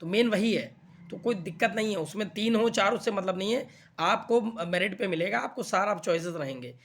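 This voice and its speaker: Talking briskly in a high, fairly bright voice, a young male tutor explains material to exam students in a relaxed, chatty way. He keeps checking they're following, repeating "theek hai na."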